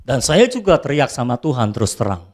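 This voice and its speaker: A man preaching a sermon as a pastor, swinging between loud high calls and soft low asides. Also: very animated, brisk.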